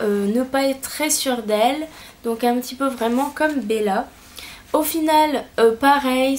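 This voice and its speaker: A young woman giving a casual book review on her vlog, speaking hesitantly with frequent filler pauses. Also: a little high, a little mellow, a little hiss or hum.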